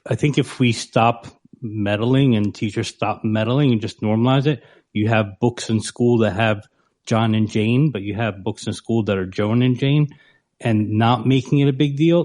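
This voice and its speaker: A man from the United States on a discussion panel, speaking in a reflective, relaxed way. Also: lowish voice.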